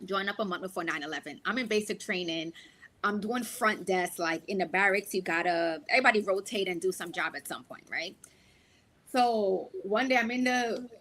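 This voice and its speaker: A woman in her forties from Brooklyn with a Guyanese-tinged Brooklyn Caribbean accent, telling a story as a panelist. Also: fairly low pitch. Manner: animated storyteller, acts out quotes. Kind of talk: casual panel discussion.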